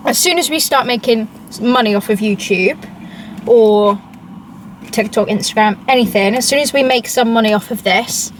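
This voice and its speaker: A woman's voice: fairly high pitch, normal speed, a little hiss or hum, poor audio. A young woman chatting informally as a host over a meal, often saying "like". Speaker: YouTube host reading out questions. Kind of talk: casual chat over a meal.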